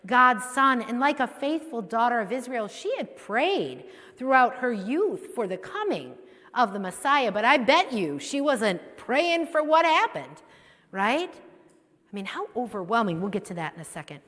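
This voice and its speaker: A woman's voice: a little high, sing-song, measured pace, fairly bright tone. A woman pastor giving a conversational sermon, chatty and often checking in with the congregation. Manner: chatty, keeps checking in with "right?". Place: church sanctuary. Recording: long church reverb.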